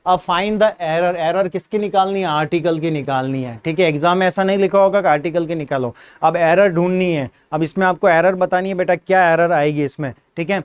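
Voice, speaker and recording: A man's voice: sits high, a little fast, few pauses, clean tone. A male teacher, giving an exam-prep English grammar lesson, repeating points, quizzing students and spelling words out letter by letter.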